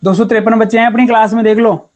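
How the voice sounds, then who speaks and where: High-voiced, chatty male chemistry teacher. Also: flat delivery, fast, a little mellow. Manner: chatty and encouraging, calls students beta and yaar. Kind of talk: casual online class teaching.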